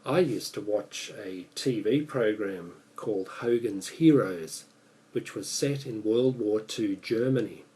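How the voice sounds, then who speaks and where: A man with an Australian accent giving a prepared speech about speaking clearly, in a measured, deliberate way. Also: on the low side, warm tone, distant mic, low-quality recording.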